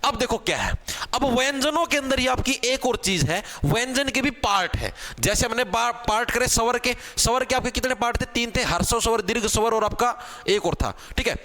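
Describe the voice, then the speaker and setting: A man teaching an exam-prep grammar class, casual, asking questions and answering them himself, sounding out letters slowly. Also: extremely high pitch, animated, bright, forceful tone. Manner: spells out sounds slowly, one at a time. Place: online class video.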